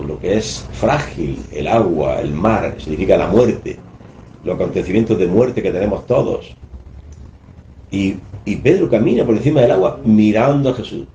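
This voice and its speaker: A man's voice: lowish voice, warm tone, a little hiss or hum. Older man preaching on the radio. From Spain. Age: 70s. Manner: earnest, emphatic, acts out scripture quotes. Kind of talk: radio sermon. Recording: echoey, dull lo-fi radio broadcast.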